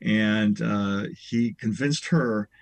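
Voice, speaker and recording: Older male radio guest, lowish pitch, explanatory, heavy on fillers. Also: slow pace, gravelly. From Chicago area. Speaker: guest, museum president. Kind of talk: radio interview.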